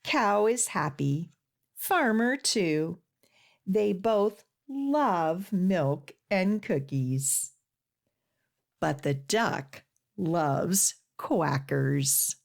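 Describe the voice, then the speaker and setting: A librarian hosts a children's storytime, reading aloud to young listeners in a deliberate, sing-song manner. Her voice is lowish, animated and gravelly.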